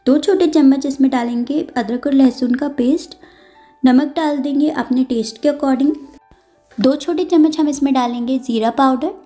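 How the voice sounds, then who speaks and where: A cooking channel host narrates a recipe in a calm, instructive voice-over, going step by step and repeating and clarifying each one. Her voice is high-pitched at a normal speed, with soft background music.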